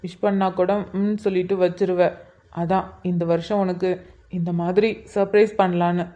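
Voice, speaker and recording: A woman's voice: fairly low pitch, little pitch movement, normal speed, mellow, muffled recording, lightly acted. A woman voicing a caring, earnest younger brother in a cartoon drama.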